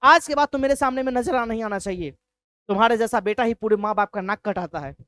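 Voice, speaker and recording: A woman's voice: fairly high pitch, fast, no room sound, close to an everyday voice. A woman voicing an angry carpenter father who scolds his son. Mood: furious. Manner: shouting, scolding.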